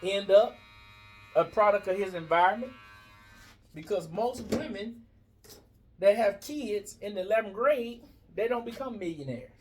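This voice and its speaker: A man's voice: high-pitched, a little slow, pauses often, a little hiss or hum. An American man in a heated, casual barbershop debate, preaching his point argumentatively and repeating phrases for emphasis.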